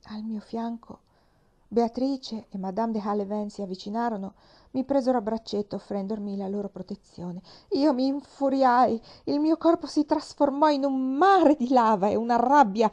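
A woman narrating a historical novel in the first person, with expressive delivery. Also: on the high side, normal speed, dull audio. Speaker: reader. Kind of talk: dramatic reading of a novel.

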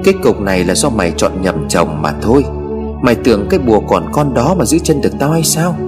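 A man's voice: fairly low pitch, expressive, fairly quick, loud music behind the voice, natural voice. A man voicing a cunning, vengeful female ghost who taunts and threatens in a sneering manner, in a narrated ghost story. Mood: taunting.

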